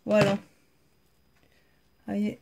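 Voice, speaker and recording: A woman's voice: medium pitch, completely flat delivery, drawn-out words, gravelly, mellow, a little hiss or hum. Chatty woman with a Southern French accent. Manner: chatty, filler-heavy, addresses viewers directly. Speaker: haul vlogger. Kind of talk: casual show-and-tell chat.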